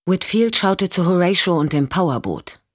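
An audiobook narrator reading a thriller in an even, measured way. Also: mid-range voice, no room sound, clean studio sound. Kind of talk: scripted narration.

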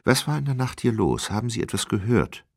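A man's voice: mid-range voice, sing-song, a little fast, darkish tone, no room sound, clean studio sound, voice pushed up. A man reading an audiobook, voicing an urgent female police officer who questions witnesses in a clipped, insistent way.

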